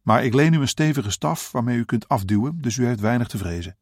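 A man's voice: mid-range voice, expressive, brisk, darkish tone, no echo, studio quality. A man playing a burly, bearded middle-aged boatman who gives practical, reassuring advice. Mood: matter-of-fact. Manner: matter-of-fact, reassuring.

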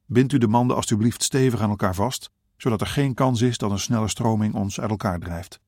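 A man's voice: fairly low pitch, brisk, a little mellow, no room sound, clean studio sound, natural voice. A man playing a weary elderly husband who speaks politely to strangers and soothes his wife. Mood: soothing. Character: weary old husband, gentle and courteous.

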